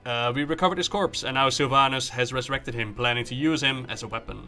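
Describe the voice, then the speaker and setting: Bright-voiced male game streamer. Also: mid-range voice, fast talker, soft background music. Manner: joking, acts out dialogue. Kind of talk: live game commentary, recapping story and reading quest text aloud.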